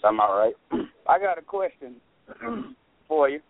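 A man from Texas calling in to a radio show over the phone, talking casually and clearing his throat now and then. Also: on the high side, slow, dry recording. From Texas, USA. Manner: relaxed and conversational, clears his throat often. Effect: calling in over a phone line to a radio show. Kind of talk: casual call-in chat. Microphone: telephone. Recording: tinny, dry phone line.

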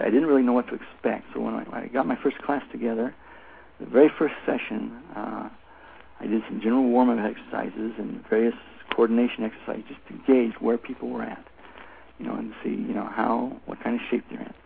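A man's voice: mid-range voice, steady tone, fairly quick, creaky. An older man telling stories conversationally as an interviewed instructor, with an emphatic way of repeating phrases, heard over a phone line. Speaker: Tai Chi instructor, interview guest. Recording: tinny phone line with faint noise.

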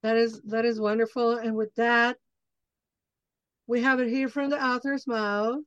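A woman's voice: fairly high pitch, flat delivery, unhurried, dry recording, highs cut off. Effusive woman host, dry close sound. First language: Spanish. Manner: effusive, enthusiastic. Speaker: show host. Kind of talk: casual interview chat.

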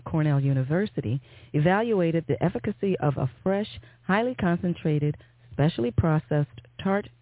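A woman's voice: low-pitched, no echo. Tinny phone-line radio host, a woman reading. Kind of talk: scripted radio hosting and news reading.

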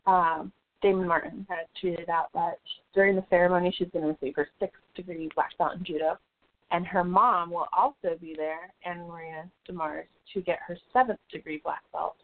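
A woman's voice: lowish voice, fairly even intonation, moderate pace. A woman co-hosting a casual fight-sports talk show, laughing often and talking loosely with fillers and swearing. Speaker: podcast co-host. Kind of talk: casual chat. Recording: tinny phone-like audio.

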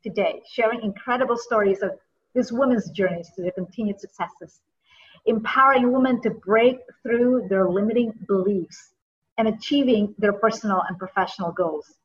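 Husky-voiced woman hosting a podcast. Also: mid-range voice, normal speed. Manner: chatty, teasing, reads guest bio. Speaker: podcast host. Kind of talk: interview introduction and questions. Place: Southern California. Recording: dull lo-fi audio.

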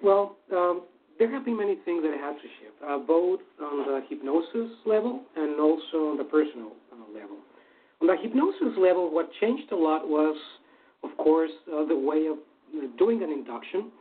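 A man's voice: a little high, big pitch swings, normal speed. A man, a former stage hypnotist turned hypnotherapist, answering interview questions with many fillers and restarts. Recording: tinny phone-like line.

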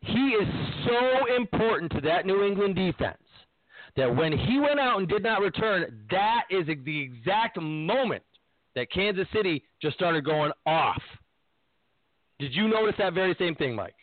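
Animated high-voiced man ranting. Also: unhurried, no room sound. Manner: animated, ranting, laughs often. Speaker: podcast host. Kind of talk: casual sports chat. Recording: tinny phone-like line.

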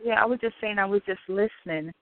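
A woman calling in to a radio advice show, her voice muffled as if heard through a wall, talking quietly and hesitantly. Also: medium pitch, fast talker, no room sound. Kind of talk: call-in chat. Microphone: telephone. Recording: muffled tinny phone line, dry.

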